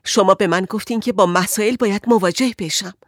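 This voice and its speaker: A woman's voice: mid-range voice, no room sound, clean studio sound, close to an everyday voice. A woman voicing an anxious married woman who pleads and frets about her husband in an audiobook. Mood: distressed. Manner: agitated, pleading.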